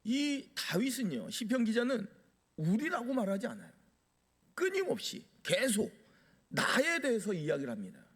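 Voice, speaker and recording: A man's voice: extremely high pitch, wildly swooping pitch, moderate pace, a bit bright, husky. A male pastor preaching a sermon, asking the congregation rhetorical questions and dramatically acting out prayers. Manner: dramatic, acts out quoted prayers.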